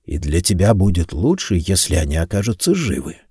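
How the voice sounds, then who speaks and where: A man voicing a gruff, aggressive male detective chief inspector who barks orders. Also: deep voice, big pitch swings, fairly quick, dark tone, no echo, clean studio sound, voice pushed down, exaggerated voice. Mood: threatening. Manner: barking orders.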